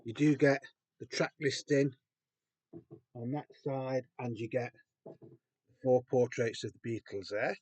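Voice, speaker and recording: A man's voice: medium pitch, fairly even intonation, unhurried, pauses often, darkish tone, slightly rough, no echo. A man, in his fifties or older, chatting casually about a record from his collection, with frequent ums and restarts. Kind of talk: casual show-and-tell.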